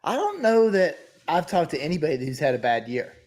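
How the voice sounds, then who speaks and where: A man's voice: on the high side, very animated, a little fast, a little mellow. A man chatting casually and informally as a co-host, with a folksy way of talking. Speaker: podcast co-host, volume photographer. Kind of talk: casual chat.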